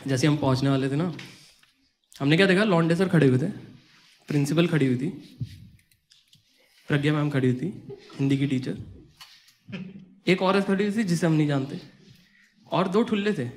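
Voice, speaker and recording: A young man tells a comic story on stage in a slightly high voice, leaping between his own telling and the voices of friends and teachers. There is clear noise under the recording. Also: a little mellow. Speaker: stand-up comedian. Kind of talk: stand-up storytelling.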